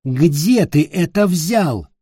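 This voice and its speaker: A man voicing a cruel, arrogant tall boy lord in an audiobook, shouting and hissing in fury. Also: a little high, expressive, extremely slow, slightly rough, no room sound, studio quality, pitched above the performer's own voice, full character voice. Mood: menacing. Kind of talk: audiobook character voice.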